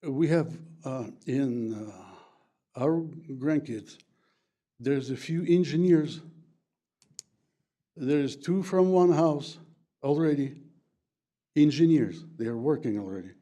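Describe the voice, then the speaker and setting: A Plattdeutsch-speaking older man from the former USSR takes his turn at public comment before a county board. He speaks English with frequent fillers and broken grammar, in a mellow voice that sits in the middle range.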